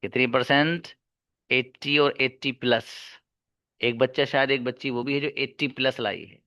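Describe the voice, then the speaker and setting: A man's voice: mid-range voice, steady tone, a little slow, pushed and bright, no room sound, dull audio. A man teaching an online class, talking emphatically and calling his listeners brother. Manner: emphatic, addresses listeners as brother, switches into Arabic and English examples. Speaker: English teacher.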